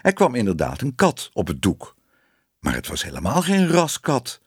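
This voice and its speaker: Male audiobook narrator, very animated pitch, dry close recording. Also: moderate pace, slightly rough, no echo. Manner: expressive storytelling voice. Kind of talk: audiobook reading of a children's story.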